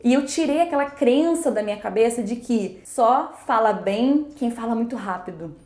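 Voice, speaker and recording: A woman teaching in a casual video lesson, chatty and quick, sometimes acting out examples. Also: fairly high pitch, lively intonation, a little mellow, echoey room. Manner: chatty, fast-talking, switches into English examples. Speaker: English teacher.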